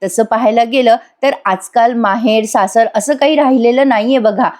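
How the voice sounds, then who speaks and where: A woman's voice: fairly high pitch, normal speed, a little mellow. A woman giving a chatty voice-over review of a TV serial episode, talking straight to her viewers. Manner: chatty, addresses viewers, laughs often.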